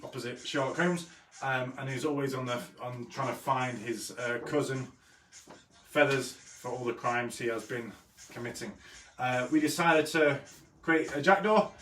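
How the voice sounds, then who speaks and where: A man's voice: mid-range voice, fairly bright tone. A man chatting casually as he hosts a live drawing lesson, easygoing in manner, pronouncing his r sounds like w. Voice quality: says w for r. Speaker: host of an online drawing lesson. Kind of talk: casual live-stream chat while drawing. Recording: roomy echo, distant mic, faint noise.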